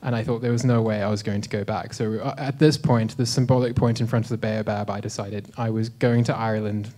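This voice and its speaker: A man in his twenties from South Africa tells a relaxed, self-deprecating story to an audience, often pausing on "um", speaking into a handheld microphone in a dim hall. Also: lowish voice. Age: 20s. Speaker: speaker at a live talk event. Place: dim lecture hall with a projector screen.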